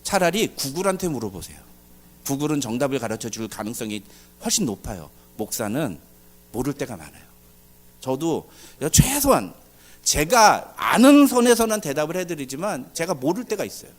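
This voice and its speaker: A man preaching a sermon as pastor, animated and questioning the congregation, with loud dramatic outbursts. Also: a little high, moderate pace. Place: church service.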